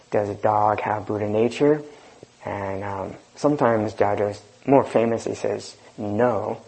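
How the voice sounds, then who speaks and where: A man leading a group dharma discussion as teacher, talking slowly and reflectively with a soft-spoken manner and pauses. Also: fairly low pitch, vocal fry, breathy edge, rough recording.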